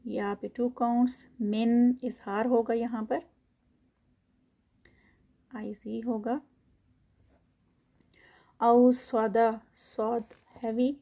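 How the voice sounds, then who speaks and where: A woman teaching tajweed, reciting verses slowly and loudly, then explaining the rules quickly and quietly. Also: on the high side, level tone.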